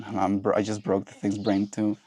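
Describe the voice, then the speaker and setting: A man in his twenties, a native Afrikaans speaker from southern Africa, chats casually with his livestream audience, playful and rambling and laughing often. His voice is fairly low, monotone and mellow with a breathy edge, at a normal speed.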